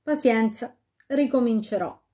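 A woman's voice: a little high, unhurried, warm tone, voice pushed up, lightly acted. A woman voicing a cunning, determined fairy-tale queen giving orders.

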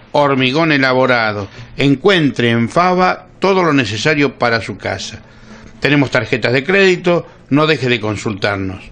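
A man reading a commercial voice-over in a steady, persuasive way. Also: mid-range voice, slight background noise. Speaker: advertising announcer.

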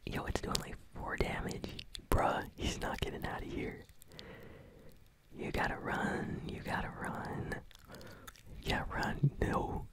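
A gaming channel host whispering ASMR commentary while chewing gum and reacting excitedly to a match. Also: takes it slowly. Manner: whispering throughout.

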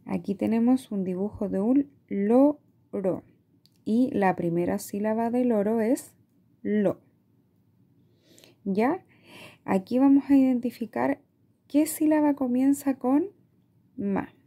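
A woman teacher with a Chilean Spanish accent, explaining a reading lesson to parents in a slow, patient way, stretching out words and checking in with "¿ya?". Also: fairly high pitch, dark tone. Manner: asks "¿ya?" often.

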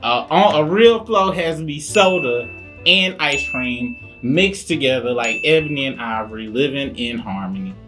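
Middle-aged dad host, teasing and jokey, voice swooping up and down, soft guitar music behind. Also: male voice, medium pitch, lively intonation, moderate pace. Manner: playful, teasing, sing-song outbursts. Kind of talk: casual food review chat.

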